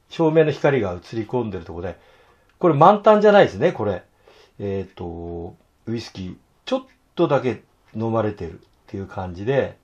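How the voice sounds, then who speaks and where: A hoarse man teaching fountain pen illustration, talking to himself in halting asides as he draws. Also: lowish voice, a little mellow, lo-fi sound. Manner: talks to himself while drawing, halting, murmured asides. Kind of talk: casual drawing tutorial.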